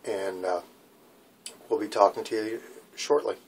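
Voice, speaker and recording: Unhurried and fairly even in intonation, a lowish male voice carries this casual vlog. The speaker, a man in his sixties, rambles with many fillers from a small boat cabin, filming on a handheld phone camera at arm's length.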